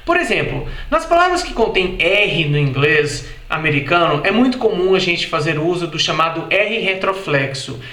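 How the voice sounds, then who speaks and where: A man with a Brazilian Portuguese accent giving an explanatory video lesson, repeating example words slowly and carefully. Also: a little high, very animated, sharp tone, reverberant. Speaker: English teacher.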